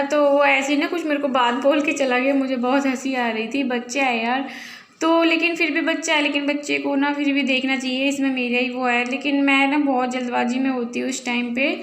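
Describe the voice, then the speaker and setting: A woman's voice: high voice, echoey room. A woman chatting casually through a home vlog while making tea and cooking, rambling as she goes. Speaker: vlogger. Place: home kitchen.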